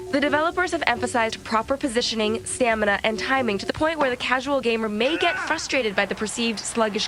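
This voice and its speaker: A woman co-hosting a video game review show, reading scripted reviews with dry, wisecracking jokes. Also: on the high side. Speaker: TV show co-host.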